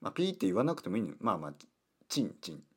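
A man hosting a casual solo talk, speaking slowly in simple words and stopping to explain terms, with chatty asides. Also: fairly low pitch, wildly swooping pitch, breathy edge. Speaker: podcast host.

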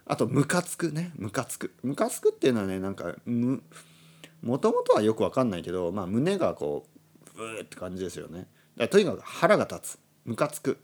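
Lively-voiced man explaining slowly. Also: mid-range voice. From Oita, Japan. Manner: slow, explanatory, glosses words in English. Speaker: podcast host. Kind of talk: casual monologue for Japanese learners. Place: indoors at a table.

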